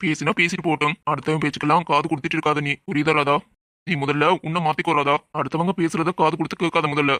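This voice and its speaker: A man voicing a caring young friend who gently urges a widow to move on. His voice is bright and fairly high, with a flat, quick delivery. The recording is dry. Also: no room sound. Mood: firm. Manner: earnest, coaxing. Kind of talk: audio drama acting.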